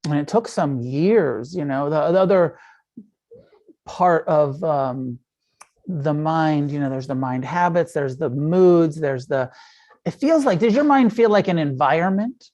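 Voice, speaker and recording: Frank, profane middle-aged meditation teacher. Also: male voice, on the high side, expressive, a little slow, darkish tone. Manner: frank and profane, with frequent fillers and self-restarts. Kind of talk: casual dharma talk.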